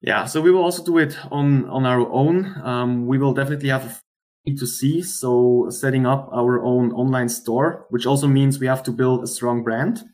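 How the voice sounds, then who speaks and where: Speaking as a startup founder, a man delivers a rehearsed investor pitch, explaining earnestly with some halting pauses. His tone is steady and darkish.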